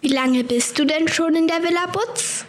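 A woman's voice: very high-pitched, normal speed. A woman co-hosting an interview, asking brief, polite questions.

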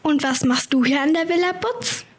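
A woman with a high voice co-hosts an interview and keeps her questions brief and polite. She speaks plainly. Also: animated, moderate pace.

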